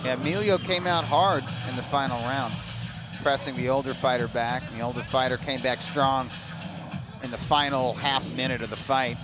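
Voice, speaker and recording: A man's voice: medium pitch, moderate pace, over music, poor audio. A man giving live boxing analysis as a commentator.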